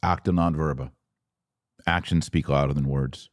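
Here the podcast host speaks in a very deep, steady voice at a moderate pace, giving live opinionated commentary full of mockery, sarcasm and emphasis as he reads and reacts. Studio-quality, dry recording.

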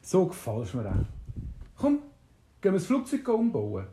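A woman with a Swiss German accent voicing a kindly male dwarf inventor, speaking softly and patiently. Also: on the low side, wildly swooping pitch, normal speed, a little hiss or hum, voice pushed up. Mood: gentle. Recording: roomy, echoey.

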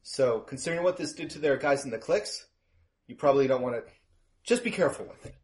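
A man's voice: animated, quick pace, lightly acted. A man doing a jumpy, cursing male courier. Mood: gruff warning. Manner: panicky and high-strung, cursing. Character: jumpy, foul-mouthed male security courier.

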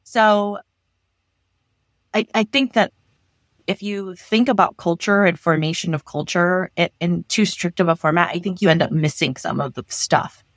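Woman therapist from Los Angeles, lowish voice, dry close sound, animated, restarts sentences. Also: normal speed, dry recording. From Los Angeles, United States. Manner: animated, thinks aloud with frequent restarts. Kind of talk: conversational interview.

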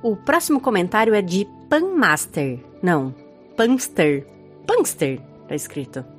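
Woman, Brazilian Portuguese accent, podcast co-host, playful, lively pitch, faint music behind. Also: measured pace. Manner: playful, laughs often. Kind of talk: casual podcast chat reading listener comments.

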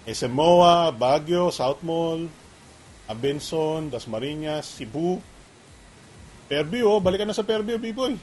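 A man's voice: on the high side, lively intonation, slow, a little mellow, a little hiss or hum. A man hosting a casual tech chat who laughs often and switches between Tagalog and English. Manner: laughs often, mixes English into Tagalog, reads viewer comments. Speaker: podcast host.

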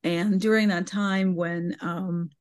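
A woman in her forties from Bosnia, telling her story to a podcast host in a measured, halting way. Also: lowish voice, fairly even intonation, a little mellow. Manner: measured, halting, with many fillers. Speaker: podcast guest. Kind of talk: personal interview storytelling.

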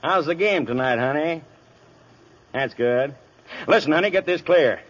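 An actor playing a crooked middle-aged police chief who barks orders, in a 1930s radio drama. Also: male voice, a little high, expressive, measured pace, breathy edge. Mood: gruff. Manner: blustering, barking orders. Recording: dull, echoey old radio broadcast.

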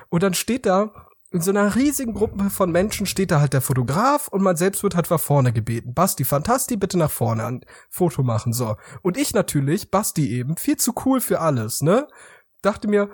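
Young man, high voice, husky, dry sound, joking casual chat. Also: a little mellow, no room sound. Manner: joking, teasing, crude humor. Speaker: podcast co-host.

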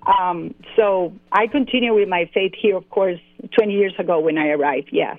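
A woman's voice: lowish voice, normal speed, dry recording. A woman in her forties with a Costa Rican Spanish accent, a guest telling her story in an interview and laughing easily. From Costa Rica. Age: 40s. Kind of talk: interview by phone. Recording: dry phone-line audio.

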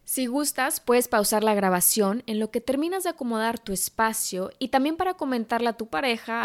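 A woman giving guided meditation instructions as an instructor, in a gentle and encouraging manner. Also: a little high.

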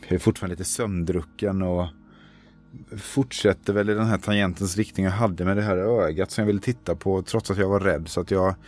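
Faint music plays behind a tabletop role-playing player whose voice is low, steady and a little mellow. He works out his character's actions out loud, pausing and stumbling over his words.

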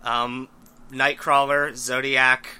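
A man co-hosting a podcast in casual banter, with vocal fry and a dry, mock-serious joking manner. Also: medium pitch, little pitch movement, slow, pushed and bright. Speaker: podcast co-host.

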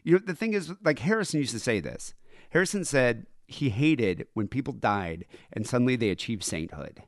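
A man's voice: mid-range voice, sing-song, normal speed, no room sound, studio quality. A man with a nasal voice hosting a casual, profane, rambling podcast conversation. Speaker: podcast host.

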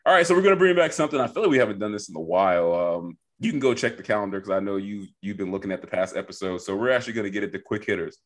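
A man's voice: fairly low pitch, expressive, racing, hardly any pauses. A man hosting a sports podcast, moving the segments along in a playful, teasing way. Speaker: podcast host. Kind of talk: casual sports chat.

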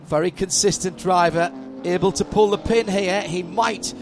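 A woman's voice: lowish voice, steady tone, moderate pace, music in the background. A woman giving live motorsport commentary as lead commentator, with a running call that swells with the action.

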